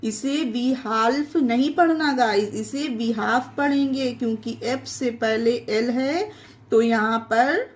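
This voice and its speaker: A woman's voice: on the high side, takes it slowly. A woman teaching English pronunciation, spelling words letter by letter and repeating each one. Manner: addresses viewers as friends. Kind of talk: slow step-by-step lesson.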